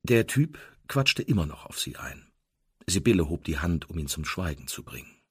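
A man narrating a novel in an expressive storytelling manner. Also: low-pitched, moderate pace, breathy edge, no room sound, clean studio sound. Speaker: audiobook narrator. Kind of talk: scripted narration.

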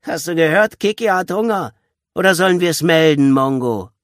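A man's voice: a little high, lively intonation, normal speed, dry recording, clean studio sound, voice pushed up, natural voice. A man voicing a grinning, pimply teenage bully who jeers and mocks. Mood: jeering. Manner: mocking, jeering.

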